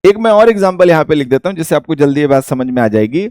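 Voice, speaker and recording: Indian guy teaching english, kinda high voice, keeps checking "theek hai". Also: expressive, a little mellow, no room sound, clean studio sound. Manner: explains slowly, repeating each point and checking with "theek hai". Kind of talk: explaining a lesson.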